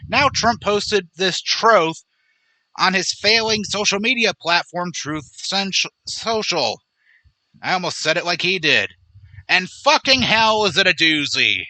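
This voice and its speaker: A man's voice: sits high, animated, measured pace, bright, forceful tone, no room sound, rough recording. A man hosting his own political commentary podcast, speaking in a sarcastic, indignant way. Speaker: podcast host.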